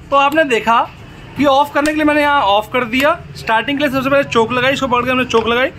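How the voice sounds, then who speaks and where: A man's voice: very high voice, steady tone, fast talker, noisy background. A young man explaining step by step how to set up and start a machine, talking to viewers. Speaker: product demonstrator. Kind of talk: hands-on product demonstration.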